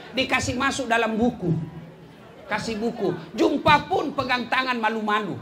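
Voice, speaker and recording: A middle-aged man preaching a sermon to a live audience, animated, acting out dialogue and swinging between loud and soft. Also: extremely high pitch.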